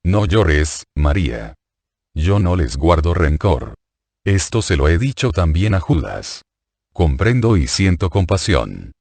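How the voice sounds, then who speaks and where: A man voicing a gentle male teacher who speaks in a soft, measured, consoling way. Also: deep voice, big pitch swings, creaky, no echo, full character voice.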